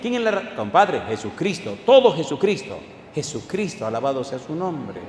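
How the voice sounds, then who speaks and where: Male pastor, fairly high voice, emphatic call-and-response preaching, long reverb of a church hall. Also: very animated, normal speed, slight background noise. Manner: call-and-response questions to the congregation; swings from hushed asides to loud emphatic declarations. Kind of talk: sermon. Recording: echoey hall with faint ambience.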